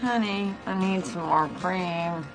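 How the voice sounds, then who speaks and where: An actress playing a playful, smug newlywed wife who gloats over winning small chores. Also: female voice, lowish voice, slow pace, reverberant, rough recording. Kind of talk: sitcom acting. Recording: faint music under the dialogue.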